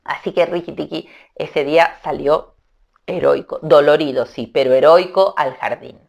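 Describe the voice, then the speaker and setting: A woman's voice: low voice, moderate pace, vocal fry, a little mellow. A woman narrating a children's story, speaking expressively and addressing young listeners directly.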